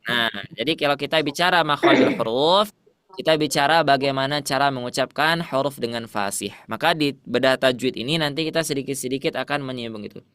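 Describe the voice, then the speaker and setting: A man's voice: mid-range voice, a little fast, fairly bright tone, clean tone, no echo. A man teaching Quran recitation to a class, asking questions and repeating the answers.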